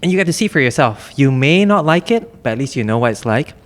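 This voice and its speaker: A man's voice: medium pitch, sing-song, quick pace. A man hosting a casual podcast chat, asking questions and prompting the guests.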